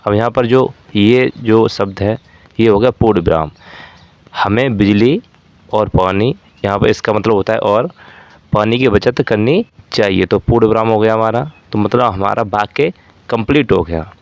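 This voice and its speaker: A man's voice: lowish voice, moderate pace, dry recording, dull audio. A man teaching a Hindi grammar lesson for exam preparation, explaining step by step with repeated examples.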